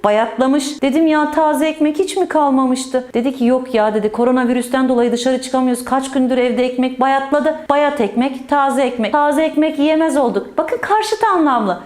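A woman's voice: high-pitched, normal speed, few pauses, darkish tone, roomy sound. A woman teaching children in a playful storytelling way, joking with the pupils and stressing words in a sing-song manner. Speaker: primary school teacher.

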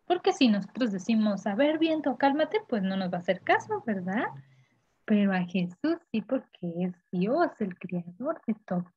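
A woman's voice: medium pitch, sing-song, moderate pace, a little mellow, breathy edge, no echo, lo-fi sound. A woman teaching a children's Bible lesson, telling the story with animation and asking the children questions. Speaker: Sunday school teacher.

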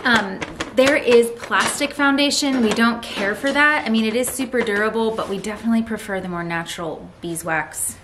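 A homesteading vlogger in her thirties chats casually while explaining how to clean old beehive frames in a large barn. Her voice is fairly high, her pace moderate with few pauses, and the recording carries loud background noise.

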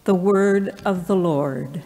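A middle-aged woman reading scripture at a lectern, deliberately, pausing between phrases. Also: lowish voice, background noise. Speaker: church lector. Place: large church, at the lectern. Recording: long church hall reverb.

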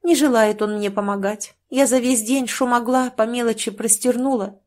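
A woman's voice: a little high, fairly even intonation, moderate pace, darkish tone, pitched above the performer's own voice, close to an everyday voice. Woman doing a plaintive young wife. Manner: pleading, plaintive. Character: tired young village wife and mother, aggrieved.

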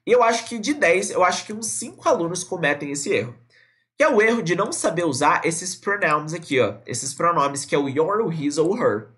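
Brazilian guy doing a live english class, super casual, says words slow and over again. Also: on the high side, very animated, pushed and bright. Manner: casual, chatty, repeats words and models pronunciation slowly. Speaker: English teacher. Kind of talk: live online English lesson. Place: indoors at a computer, streaming live.

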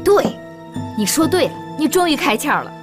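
A woman's voice: high-pitched, big pitch swings. An actress playing a teasing, sarcastic second concubine in a period TV drama, with music behind her. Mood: knowing. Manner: teasing, sarcastic, quick to explain schemes. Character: sharp-tongued scheming second concubine, woman. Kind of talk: Chinese period TV drama, dubbed dialogue.

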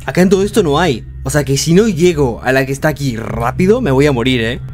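A jumpy young man talks through a horror game. His voice sits at an ordinary middle pitch. He yelps in panic and mutters to himself over faint game music in the background. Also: animated, fast, a little mellow. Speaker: gameplay streamer. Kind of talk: horror gameplay commentary.

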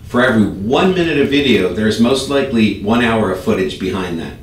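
A man hosting and giving a measured, scripted presentation. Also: on the low side, lively intonation, a little hiss or hum. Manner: measured, announcing. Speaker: host. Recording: roomy, distant from the mic.

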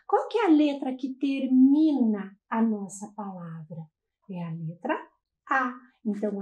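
A woman's voice: on the high side, dark tone, muffled recording. A woman with a Brazilian Portuguese accent teaching a televised lesson for young children, spelling out syllables in an encouraging sing-song way.

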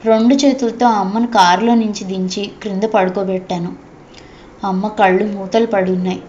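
A woman's voice: mid-range voice, fairly even intonation, normal speed, mellow, slight background noise. Woman narrating a heartfelt audio story. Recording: dull, slightly lo-fi recording.

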